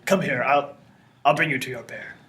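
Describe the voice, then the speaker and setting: A riddling, mock-mysterious tall mage, as a man puts him on for a tabletop game. The voice stays close to an everyday male voice, at a middling pitch, with a faint hiss in the background. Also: moderate pace, fairly bright tone, close to an everyday voice. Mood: cryptic.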